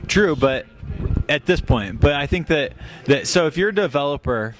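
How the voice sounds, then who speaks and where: A man's voice: on the high side, expressive, normal speed, a little hiss or hum. A man hosting a casual podcast, steering the talk with a dry manner.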